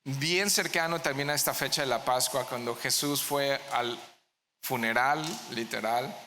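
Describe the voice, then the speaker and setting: A male pastor preaches with a sharp, bright tone. He keeps asking the congregation questions and answering them himself. His voice rings out in a large, echoing hall over a faint hiss. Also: mid-range voice, unhurried. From Mexico. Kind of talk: verse-by-verse sermon. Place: church hall.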